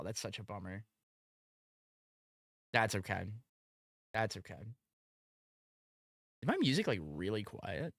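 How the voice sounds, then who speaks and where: A casual live streamer with a bright, mid-pitched voice. The delivery is very animated, slangy and exclamatory. The sound is close and dry. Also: no echo.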